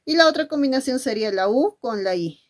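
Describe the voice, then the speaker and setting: A woman's voice: high-pitched, animated, a little fast. A woman teacher giving a spelling lesson. She asks questions and then answers them herself, and she speaks fondly to her pupils.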